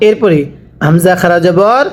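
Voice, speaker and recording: A man teaching Quran reading, spelling out each letter and vowel mark and then repeating the word slowly for learners to follow. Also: sits high. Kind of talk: slow drilled recitation lesson.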